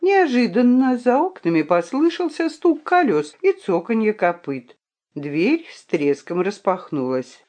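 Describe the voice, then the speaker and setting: A woman's voice: medium pitch, sing-song, unhurried, a little mellow. A woman reading a children's story aloud with dramatic expression.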